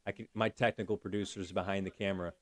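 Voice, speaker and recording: A man with a low, steady voice talks fast while hosting a casual livestream. Chatty throughout, he thanks viewers by name and talks through fixing his audio.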